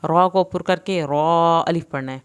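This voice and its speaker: Female recitation teacher with an Urdu accent, crisp clear voice, explains then recites slowly. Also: lowish voice. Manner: clear explanations alternating with slow drawn-out recitation. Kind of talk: tajweed lesson, explaining and reciting.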